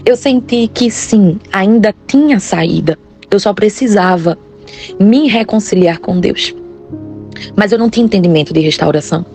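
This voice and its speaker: Earnest low-voiced woman narrating. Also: dark tone. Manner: earnest, confessional, grave. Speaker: testimony narrator. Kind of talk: first-person testimony narration.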